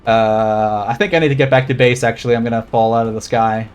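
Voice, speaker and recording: Through a muffled recording with faint music behind it, a Swedish streamer with a general American accent talks fast in a smooth, steady, medium-pitched voice. His casual live gaming commentary rambles, includes free swearing, and responds to chat as he plays.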